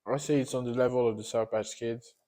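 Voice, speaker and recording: A man's voice: mid-range voice, fairly even intonation, quick pace, mellow. A man giving a casual, unscripted taste-test review while eating sour candy, often repeating and rephrasing himself.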